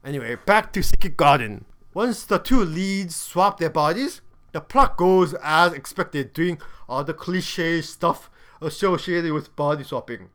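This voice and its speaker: A man's voice: on the high side, expressive, a little slow, a bit bright. A man giving a scripted review of a television drama, with dry, sarcastic humor.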